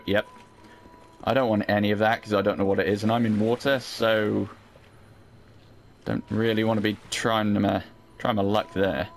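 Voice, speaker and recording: A man's voice: lowish voice, slight background noise. A British man giving casual let's play commentary, sweary and wryly understated, as host. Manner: sweary, dry, wry understatement. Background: video game sound.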